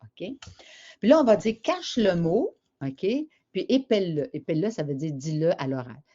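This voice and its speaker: A woman with a Quebec French accent explains a method to parents in a casual, example-filled way. Her voice sits low and mellow. The recording sounds dull and lo-fi. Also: lively intonation, normal speed. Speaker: remedial teacher. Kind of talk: parent information session.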